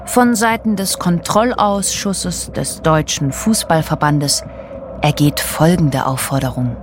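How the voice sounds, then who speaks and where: A woman playing the narrator of a surreal audio drama, speaking in a measured, deliberate way. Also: deep voice, noisy background. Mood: matter-of-fact. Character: woman narrator recounting a surreal, tormented dreamlike journey.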